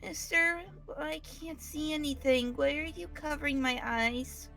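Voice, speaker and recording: A woman's voice: sits high, a little slow, vocal fry, a bit bright, soft background music, full character voice. A woman voicing a small frightened child who speaks timidly, in a fan reading of a game story.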